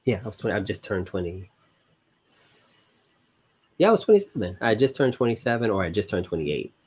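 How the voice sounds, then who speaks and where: Laid-back podcast host. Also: male voice, fairly low pitch, a little fast, husky. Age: 30s. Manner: relaxed, lots of fillers and repeats. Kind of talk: casual chat.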